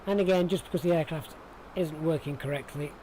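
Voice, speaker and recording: A Sheffield man with a Yorkshire accent gives casual, chatty live commentary on a flight simulator stream, thinking aloud and talking to viewers. His voice sits on the high side and moves a little fast. Background noise comes through clearly in the recording.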